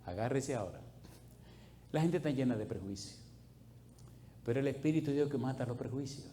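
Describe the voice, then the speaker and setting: A middle-aged male pastor preaching a sermon through lively, colloquial anecdotes, breaking into loud, high bursts. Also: brisk, a little hiss or hum. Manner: animated, colloquial storyteller who swings into loud, high bursts. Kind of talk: storytelling sermon.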